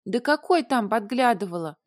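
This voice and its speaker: A woman voicing a flustered young heroine in an audiobook, chattering in a high, squeaky, whiny voice. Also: lively intonation, a little slow, no room sound, studio quality. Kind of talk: audiobook character voice.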